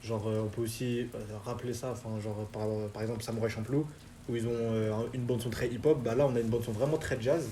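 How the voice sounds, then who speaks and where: A man's voice: medium pitch, fast talker, a little hiss or hum. A young man hosting a casual chat about anime, talking loosely in slang with lots of fillers. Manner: relaxed slangy talk with many fillers. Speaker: host.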